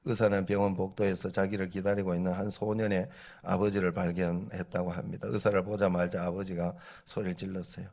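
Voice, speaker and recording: A man's voice: sits low, flat delivery, a little fast, few pauses, darkish tone. A male pastor preaching in a colloquial storytelling way, quoting people animatedly. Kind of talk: sermon.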